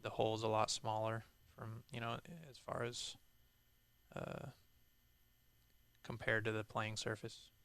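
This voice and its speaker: A man calling a pool match with steady, measured play-by-play. His voice is gravelly yet smooth, and it stays fairly flat in tone. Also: lowish voice. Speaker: pool commentator. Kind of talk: casual sports commentary.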